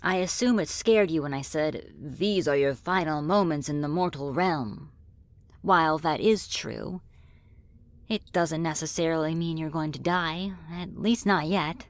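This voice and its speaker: A roleplay voice performer with a low, slightly slow voice plays a friendly, teasing female demon in a scripted, one-sided ASMR dialogue. Her delivery is casual and politely menacing, gently teasing throughout, and the recording has no echo.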